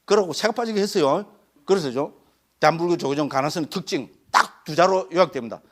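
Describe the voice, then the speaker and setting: A middle-aged male monk with a Gyeongsang accent teaches scripture in a voice that climbs and drops with great animation. He sits a little above the usual male pitch. He peppers his talk with rhetorical questions and sudden, punchy exclamations. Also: fast. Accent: Gyeongsang Korean. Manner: lively, keeps asking rhetorical questions. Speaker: Buddhist monk lecturer. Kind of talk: sutra lecture.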